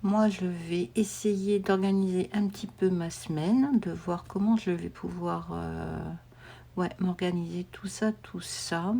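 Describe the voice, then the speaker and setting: A woman's voice: on the low side, steady tone, measured pace, gravelly, dark tone. A woman vlogger chatting casually to camera at home, rambling and meandering with many fillers and restarts. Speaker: coloring vlogger.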